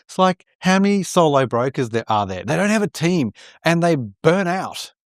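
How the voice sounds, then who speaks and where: A man's voice: on the high side, very animated, moderate pace, no echo. Candid rambling man, dry close sound. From born in India, raised in New Zealand. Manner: candid, rambling, restarts often with frequent "right?". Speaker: podcast guest, mortgage broker. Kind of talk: casual chat.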